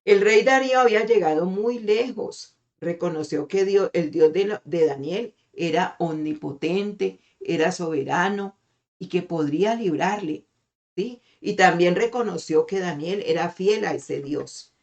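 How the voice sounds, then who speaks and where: A woman pastor preaching a devotional sermon. She reads scripture aloud slowly and keeps asking her listeners rhetorical questions. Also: lowish voice, a little mellow, muffled recording. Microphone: online meeting call.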